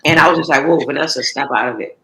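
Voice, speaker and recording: A US recycling entrepreneur in her thirties chats as a guest in a casual interview, full of restarts and fillers. Her voice is low, racing and sharp with vocal fry, and the audio quality is poor.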